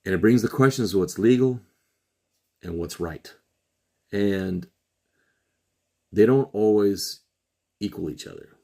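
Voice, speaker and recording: Middle-aged male host, very low gravelly voice, earnest solo commentary with slow emphatic pauses. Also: warm tone. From Trinidad and Tobago. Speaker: podcast host.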